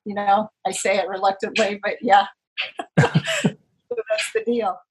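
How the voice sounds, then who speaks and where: This is a woman in her sixties from Los Angeles, California, a writer and poker player appearing as a podcast guest over a video call. She's chatty, animated and self-deprecating, with a medium-pitched, unhurried voice on a rough recording with slight background noise.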